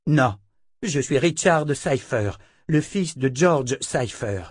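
A man's voice: medium pitch, expressive, takes it slowly, breathy edge, no echo, clean studio sound, pitched above the performer's own voice. A man reading an audiobook, voicing a defiant young man who argues and pleads. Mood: shaken. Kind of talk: audiobook character voice.

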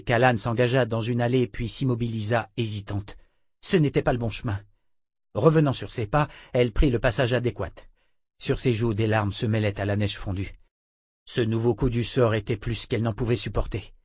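A man reading a fantasy novel aloud as audiobook narration, measured and expressive. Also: mid-range voice, husky, no room sound, studio quality. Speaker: audiobook reader.

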